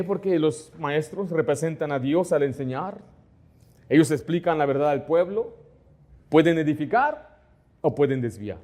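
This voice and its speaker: A middle-aged man preaches a sermon in a fairly high voice. He keeps turning to his listeners with rhetorical questions. He acts out the back-and-forth of his anecdotes as he goes. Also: darkish tone. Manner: asks the congregation rhetorical questions; acts out dialogue within anecdotes. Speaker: pastor.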